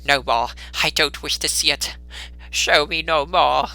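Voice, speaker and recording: A man's voice: a little high, unhurried, creaky, pushed and bright, clean tone, exaggerated voice. A man voicing a tormented old miser in a dramatic storybook reading, pleading in anguish. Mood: desperate. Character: tormented old miser begging a spirit for mercy.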